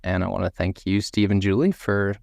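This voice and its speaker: A man's voice: low-pitched, little pitch movement, a little fast, creaky, a little mellow, dry recording, clean studio sound. A man from South Texas, a podcast guest speaking in a playful, joking way. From South Texas, USA. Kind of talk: casual podcast chat.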